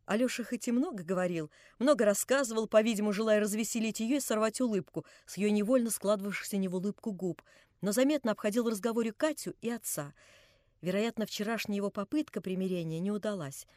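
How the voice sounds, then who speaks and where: A woman reading a novel aloud as scripted narration, measured and even. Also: medium pitch, no room sound, clean studio sound. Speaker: audiobook reader.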